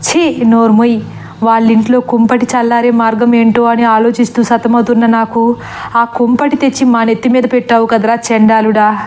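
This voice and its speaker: A woman's voice: a little high, flat delivery, normal speed, a little mellow, natural voice. A woman voicing a worried middle-aged father who turns furious at his son, in a storybook reading.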